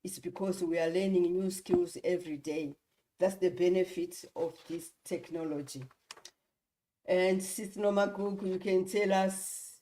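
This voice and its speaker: A woman's voice: lowish voice, fairly even intonation, measured pace, mellow. A woman hosting a promotional livestream, talking earnestly and repeating her encouragement. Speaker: livestream host.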